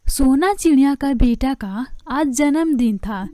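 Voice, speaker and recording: A woman's voice: sits high, expressive, takes it slowly, dark tone, no room sound, studio quality. A woman narrating a cartoon story in a plain, explanatory manner.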